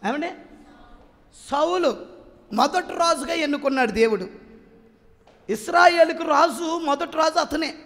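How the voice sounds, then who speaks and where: A male pastor preaching a fervent sermon, questioning his congregation and building to loud exclamations. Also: very high-pitched, a little slow, pauses often. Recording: reverberant hall.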